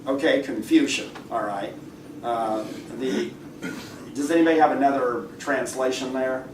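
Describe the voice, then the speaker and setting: A hoarse man teaching an adult Bible class, speaking conversationally, asking the class questions and often clearing his throat. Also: medium pitch, unhurried. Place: church classroom. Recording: echoey room, far mic, faint hiss.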